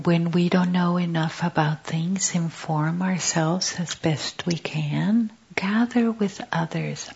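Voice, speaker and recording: Soft-spoken low gravelly woman teaching. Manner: soft, often half-whispered, halting phrases. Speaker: contemplative prayer teacher. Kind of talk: gentle contemplative teaching. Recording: dull lo-fi recording.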